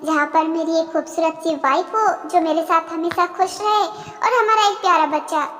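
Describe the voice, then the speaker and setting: Young man, caring new husband and father, gentle and teasing, voiced by a woman in an amateur fan dub; very high voice. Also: fairly even intonation, normal speed. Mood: soothing.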